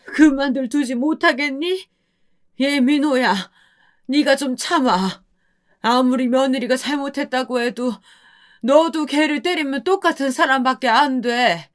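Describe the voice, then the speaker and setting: A woman's voice: mid-range voice, measured pace, lightly acted. A woman voicing a weary mother in her sixties who pleads and scolds. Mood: tearful scolding. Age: 60s.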